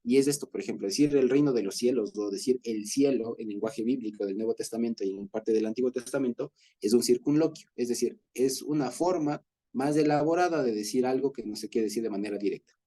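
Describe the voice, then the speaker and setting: A man's voice: medium pitch, a little fast, hardly any pauses, mellow. A man with an Ecuadorian accent leading a Bible study, explaining with everyday examples and chuckling often. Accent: Ecuadorian Spanish.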